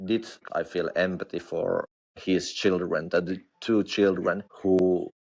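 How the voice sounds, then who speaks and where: A man with a very low voice speaks English with a Finnish accent. His speech is halting, full of restarts and searches for words. He talks casually as a guest on a livestream. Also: steady tone, gravelly, darkish tone. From Finland. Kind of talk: casual chat.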